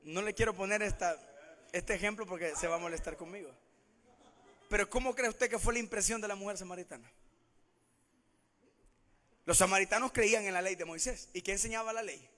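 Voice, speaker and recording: A man's voice: high-pitched, fairly quick, long pauses, bright, forceful tone, long reverb tail. A Salvadoran man with a Salvadoran Spanish accent, preaching a sermon in church, who keeps calling out to the congregation as brothers and sisters.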